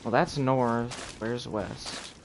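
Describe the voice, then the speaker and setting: Streaming a game, a man gives casual, offhand commentary and often mutters to himself while thinking things through. His mid-range voice is creaky and fairly even, with drawn-out words, and the noisy stream carries game audio.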